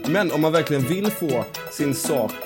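A man's voice: fairly high pitch, lively intonation, over music. A man in a comic podcast debate, arguing emphatically and mockingly, swearing now and then.

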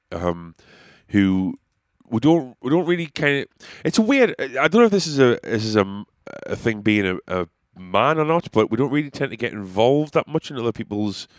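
A mid-range male voice comes through a dry, clean studio recording as a comedian and musician chats on his own podcast. His casual monologue rambles, with plenty of swearing and self-deprecation, and he has a stuffy nose.

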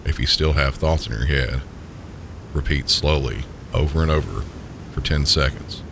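A man with a Southern US accent narrates like a sleep story host, soothing listeners in a calm, gentle, unhurried manner. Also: vocal fry. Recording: steady low rumbling background noise. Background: low pink-noise rumble.

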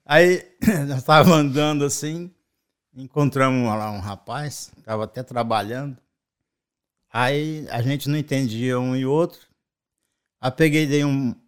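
A man's voice: mid-range voice, clear, resonant tone. Brazilian father telling chuckling anecdotes. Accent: Brazilian Portuguese. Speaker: father telling travel stories. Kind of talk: casual family chat.

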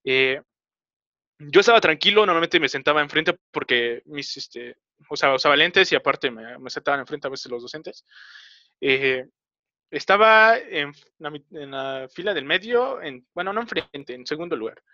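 A young man with a Mexican Spanish accent recounts his own story in a halting, rambling way, full of filler pauses. His voice sits a bit high and sounds bright and edgy. The recording is dry and slightly dull. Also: animated, no room sound. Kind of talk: casual personal storytelling.

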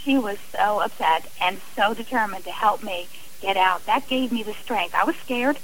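In a medium-pitched, fairly bright voice at a moderate pace, a middle-aged woman speaks earnestly on a radio interview about what she has lived through. She keeps restarting her sentences, and the poor audio has a little hiss or hum.

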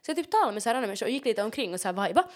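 A young woman with a Finland Swedish accent co-hosts a podcast, chatting with plenty of filler words and English asides. Her voice sits high, and her pitch bounces all over as she retells what happened. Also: big pitch swings. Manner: chatty, heavy use of fillers like liksom, mixes in English. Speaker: podcast co-host. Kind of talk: casual chat.

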